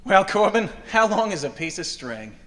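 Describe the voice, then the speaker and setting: A man's voice: sits high, big pitch swings, normal speed, a bit bright. A man acting as a chatty, joking tour bus driver in a live comedy skit, with a folksy, hesitant manner. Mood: easygoing. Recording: noisy, reverberant live hall.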